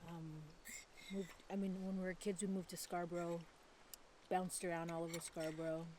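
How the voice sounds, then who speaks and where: A Canadian woman vlogs from a countryside home with birds around, chatting casually in an upbeat way and laughing easily. Her voice is lowish and a little mellow, with little pitch movement. There's slight background noise.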